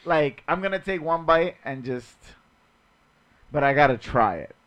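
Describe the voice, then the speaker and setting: A man's voice: a little high, animated, a little slow, a bit bright. Laid-back slangy man co-hosting. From Dominican family ties. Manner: laid-back slangy banter, swears freely. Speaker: podcast co-host. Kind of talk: casual chat.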